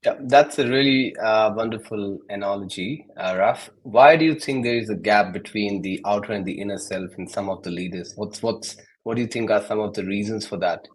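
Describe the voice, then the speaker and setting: A podcast host with a lowish voice speaks at a normal pace, interviewing his guest in a conversational way by putting questions to him. The recording is rough.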